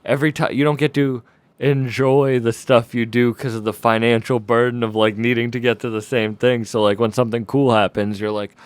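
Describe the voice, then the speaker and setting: A man's voice: medium pitch, level tone, a little fast, clear, resonant tone, dry recording. A man in his twenties hosting a podcast, talking in a laid-back, rambling way full of "like". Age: 20s. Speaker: podcast host. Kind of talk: casual podcast conversation.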